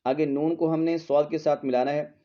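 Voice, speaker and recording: A man's voice: on the high side, steady tone, a little fast, warm tone. A man teaching Quran recitation, patiently spelling out each letter and vowel before blending the word. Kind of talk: slow letter-by-letter recitation lesson. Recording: slightly dull lo-fi audio.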